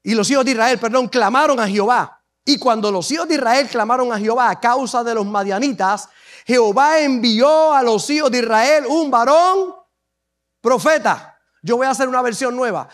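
High-voiced Puerto Rican pastor preaching. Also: male voice, a bit bright. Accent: Puerto Rican Spanish. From Puerto Rico. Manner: dramatic, acts out scripture scenes with drawn-out emphasis. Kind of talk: sermon.

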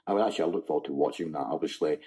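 A Scottish man hosting a radio show, chatty and jokey with his guest. His voice is husky and sits at an ordinary male pitch. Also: very fast. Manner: jokey, chatty, warm sign-offs. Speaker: radio host. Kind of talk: casual radio chat.

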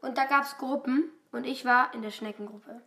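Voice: high voice, fairly even intonation, normal speed, gravelly, pushed and bright. A female co-host of a laughing challenge in casual chat, mock-exasperated and often repeating phrases. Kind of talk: casual joking reaction chat. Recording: noisy echoey room.

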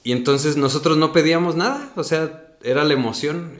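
A man's voice: fairly high pitch, fairly quick. Storytelling Mexican man, echoey room. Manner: animated storyteller, tags sentences with "¿no?". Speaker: actor telling his story. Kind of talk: casual conversational interview.

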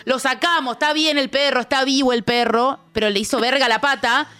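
A radio co-host with an Argentine Rioplatense accent rants angrily and crudely while telling a story in casual studio chat. Her voice is high and clean, brisk and bright, with a forceful tone and fairly even intonation.

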